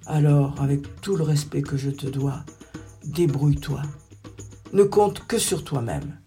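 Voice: mid-range voice, measured pace, mellow, voice pushed down, close to an everyday voice. A bedridden old village chief worn down by his people's troubles, as a narrator voices him. He speaks with weary resignation. Faint music drifts behind.

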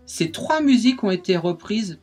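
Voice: mid-range voice, animated, moderate pace, a little mellow, faint music behind. A radio guest explaining jazz rhythms, speaking patiently with many hesitations and counting beats aloud.

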